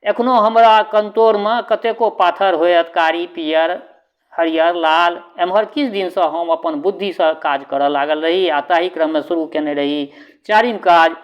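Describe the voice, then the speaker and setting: A man's voice: a little high, steady tone, unhurried, clear, resonant tone, muffled recording. A man reading a short story aloud in a conversational way, turning to the listener with little asides.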